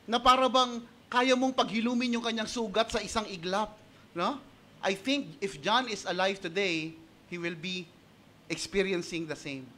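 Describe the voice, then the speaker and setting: A Filipino-accented male pastor delivers an animated sermon in a notably high, ringing voice. He moves easily between Tagalog and English, stressing points and tossing rhetorical questions to the congregation. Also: a little slow, slight background noise. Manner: animated and emphatic, punctuating points with rhetorical "Okay?"; switches between Tagalog and English mid-sentence.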